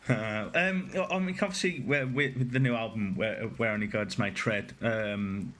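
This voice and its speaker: A man's voice: fairly low pitch, fairly bright tone. A male interviewer with an ordinary mid-range voice asks his questions casually. He stumbles and restarts often as he feels his way through them. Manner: halting, many restarts and fillers.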